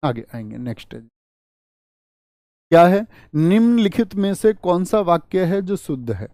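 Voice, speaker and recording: A man's voice: high voice, big pitch swings, a little slow, dark tone, dry recording. Man teaching, dry close sound. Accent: Hindi. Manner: drills students with repeated rhetorical questions. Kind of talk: exam-prep lesson.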